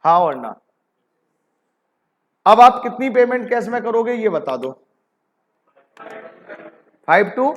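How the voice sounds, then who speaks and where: A man with a high-pitched voice teaches an online accounting class. He keeps coaxing his students with repeated questions and calls them "beta ji". He reads the figures aloud slowly. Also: sing-song. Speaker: commerce teacher.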